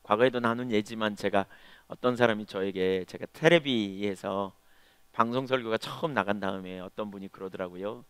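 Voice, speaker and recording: A middle-aged man preaching a Sunday sermon as pastor, telling a personal story and sometimes stumbling over words when he speaks quickly. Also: lowish voice, clear, resonant tone, no echo. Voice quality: stammers when speaking fast. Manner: storytelling, swings between loud emphasis and quiet asides. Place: church sanctuary.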